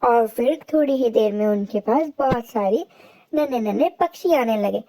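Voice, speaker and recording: A woman narrating a children's cartoon story in a simple, even storytelling manner. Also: on the high side, moderate pace.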